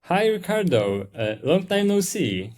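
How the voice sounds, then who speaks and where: A man's voice: sits high, big pitch swings, measured pace, a little mellow. A man hosting a podcast interview who often stammers and restarts his words as he asks questions. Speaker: podcast host.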